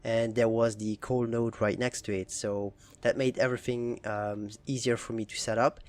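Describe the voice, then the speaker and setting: Relaxed young man narrating gameplay. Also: mid-range voice, normal speed. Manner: relaxed, hesitant with frequent fillers and restarts. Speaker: gaming channel host. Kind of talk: casual gameplay commentary.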